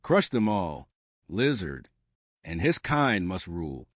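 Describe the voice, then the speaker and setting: A man's voice: low voice, very animated, slow, dry recording, clean studio sound, exaggerated voice. A man voicing a hostile, brutish male lizard creature who speaks in broken, clipped phrases.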